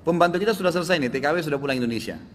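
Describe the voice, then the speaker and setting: A man preaching and telling a story to his listeners, with animated swings in voice as he speaks for the people in it. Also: on the high side, very fast. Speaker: Islamic preacher. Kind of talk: sermon storytelling. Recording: long hall reverb, faint background noise.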